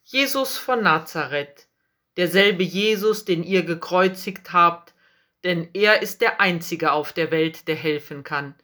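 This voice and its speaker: A woman's voice: on the low side, takes it slowly, pushed and bright. A woman voicing the apostle Peter as a bold, earnest man in a storybook reading, speaking firmly. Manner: firm, earnest declaring.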